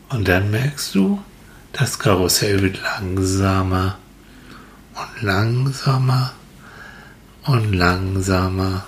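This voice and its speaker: A man softly telling a slow, soothing guided relaxation story to a listener. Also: on the low side, slight background noise. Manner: soft, soothing, drawn-out.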